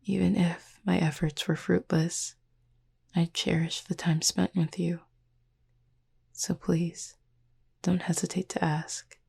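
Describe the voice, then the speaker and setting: Here the woman voices the caring, proud, calm cupid roommate for a sleep-aid roleplay, using a husky, breathy half-whisper pitched on the low side. Her phrasing is formal, measured and gently teasing, heavily acted, and the overall feel is soothing and reassuring.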